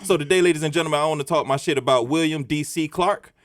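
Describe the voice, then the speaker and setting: A man's voice: a little high, fast talker, no echo, clean studio sound. A man with a South Florida accent co-hosting a podcast, joking and teasing in casual chat. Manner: joking, animated, teasing, laughs often. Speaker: podcast co-host.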